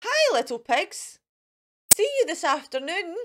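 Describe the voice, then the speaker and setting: A woman's voice: extremely high pitch, big pitch swings, measured pace, background noise, pitched above the performer's own voice, heavily acted. A woman voicing an eager, boastful male wolf who plays superhero in a children's storybook, earnest and a little theatrical. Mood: excited, calling out.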